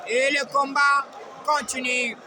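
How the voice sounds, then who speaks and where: A man giving excited, emphatic live boxing commentary like a ring announcer, often calling out names. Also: very high voice, slow. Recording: noisy live event with loud crowd. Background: crowd noise.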